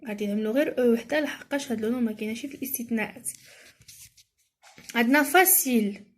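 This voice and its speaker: A woman with a Moroccan accent, explaining a French lesson and reading sentences slowly and carefully, as in a dictation. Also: fairly high pitch. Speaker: teacher.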